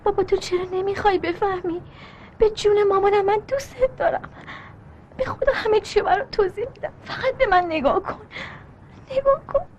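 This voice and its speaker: A woman's voice: very high-pitched, a little mellow, lo-fi sound, a little hiss or hum. A woman voicing a young cartoon actress, pleading and emotional in her lines.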